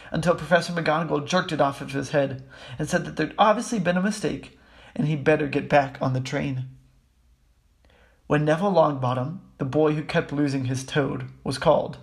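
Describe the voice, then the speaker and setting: A man reading a children's book aloud in a steady, even way, with small slips. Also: fairly high pitch, creaky. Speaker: audiobook reader. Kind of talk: storybook reading.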